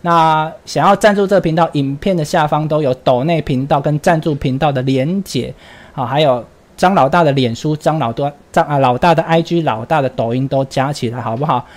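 A man's voice: a little high, fairly quick. A man with a Taiwanese Mandarin accent hosting a casual livestream chat, blunt and ranting, swearing freely while answering viewers' comments. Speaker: livestream host.

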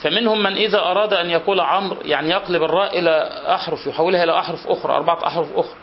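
A man's voice: high voice, rapid-fire, muffled recording, a little hiss or hum. A man with an Egyptian accent, a sheikh teaching a classical literature class, who reads from the text and patiently repeats each example to explain it. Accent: Egyptian Arabic.

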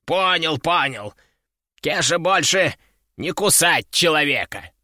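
Brash male parrot for an audiobook, creaky and squawky, third-person talk, high, very sharp and bouncy in pitch, a man voicing it. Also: expressive, slow pace, no room sound, studio quality, heavily acted. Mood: grudging. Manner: speaks of himself in third person, broken grammar. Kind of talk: audiobook character voice.

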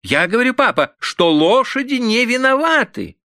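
A man's voice: extremely high pitch, sing-song, moderate pace, bright, forceful tone, no room sound, studio quality, voice pushed up, full character voice. A man voicing a timid young daughter who hesitates and trails off.

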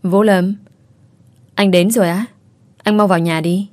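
A woman voicing a polite, gentle young woman. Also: mid-range voice, fairly even intonation, measured pace, no echo, close to an everyday voice. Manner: polite, soft-spoken.

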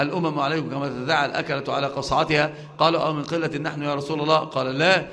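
A man's voice: a little high, fairly bright tone. A man with an Egyptian accent teaching a live religious lesson, emphatic and full of "aah" fillers, restarts and rhetorical questions to his students. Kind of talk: live classroom lecture on doctrine.

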